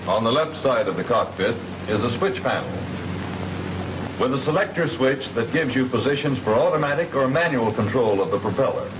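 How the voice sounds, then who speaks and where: A man with a medium-pitched, natural voice speaks animatedly and a little fast, playing a confident American Army captain. As a flight instructor in the style of a 1940s training film, he instructs pilots in a matter-of-fact, plain-spoken, methodical way, over a noisy, dull 1940s film soundtrack.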